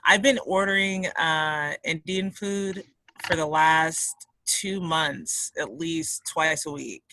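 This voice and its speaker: A woman's voice: low-pitched, fairly even intonation, takes it slowly, bright, forceful tone, no echo, low-quality recording. A woman co-hosting a podcast in casual chat, rambling and swearing as she jokes. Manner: rambling, profane, joking. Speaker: podcast co-host.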